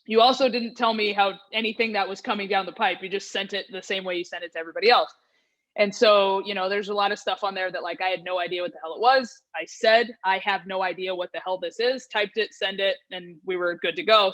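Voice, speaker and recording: A woman talks as a podcast guest in loose, chatty storytelling. She acts out each quoted exchange with lots of fillers. Her voice is bright and forceful. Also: mid-range voice, steady tone, fast talker. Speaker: podcast guest, hitting coach. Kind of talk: casual storytelling chat.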